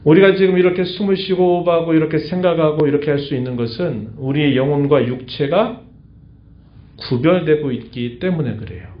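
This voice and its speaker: A man preaching a Wednesday evening church sermon as the pastor. He explains scripture in a teaching tone and asks the congregation questions, then answers them himself. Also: mid-range voice. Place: church sanctuary. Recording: echoey church, dull lo-fi sound.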